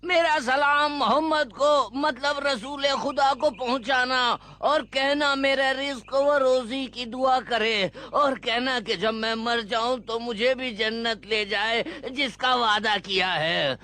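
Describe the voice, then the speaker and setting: A man's voice: very high-pitched, slow pace, few pauses, pushed and bright, heavily acted. An actor dubbing a frail, fussy old man who rambles and repeats himself, recorded in a dubbing studio. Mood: fussing. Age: older. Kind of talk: Urdu film dubbing. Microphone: studio dubbing mic.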